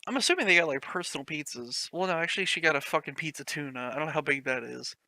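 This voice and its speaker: This man's voice sits on the high side, pushed and bright, and he reads quickly. He's performing a clumsy fan fiction aloud as comedy, ridiculing it, giggling and swearing liberally between lines. The recording is dry.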